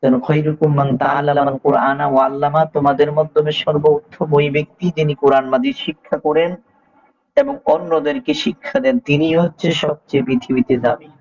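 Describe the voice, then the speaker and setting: A man's voice: fairly high pitch, fairly even intonation, a little fast, darkish tone, dull audio. A man in his forties preaching a sermon, exhorting listeners and quoting Arabic scripture before explaining it. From Bangladesh.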